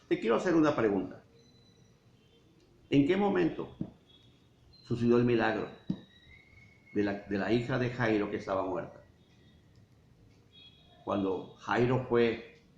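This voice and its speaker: A man with a Mexican Spanish accent preaching a sermon as pastor, asking frequent rhetorical questions and pausing for emphasis. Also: lowish voice, creaky, darkish tone. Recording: dull roomy church sound with faint hiss.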